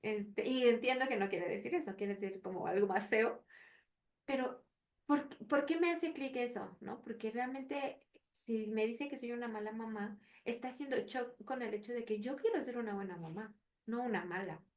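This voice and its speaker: A psychologist with a Mexican Spanish accent co-hosts a parenting podcast, telling stories animatedly and acting out quotes in casual chat. Her voice is on the high side at normal speed, picked up by a distant mic.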